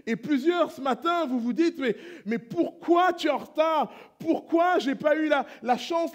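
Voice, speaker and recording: Male pastor, high voice, sermon in church, quiet prayer swelling into fervent preaching. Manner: swings from hushed prayerful to loud impassioned preaching.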